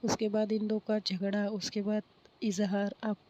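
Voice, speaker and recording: A woman's voice: mid-range voice, little pitch movement, a little slow, mellow, a little hiss or hum. Woman telling a story casually at home. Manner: chatty, loose, with fillers. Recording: slightly muffled, faint child crying.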